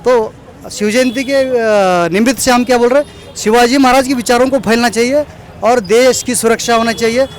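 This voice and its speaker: A man's voice: extremely high pitch, steady tone, normal speed. A man being interviewed outdoors at a celebration, talking earnestly and repeating his points, with English words mixed into his speech. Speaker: local organizer interviewed at a celebration. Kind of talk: informal street interview.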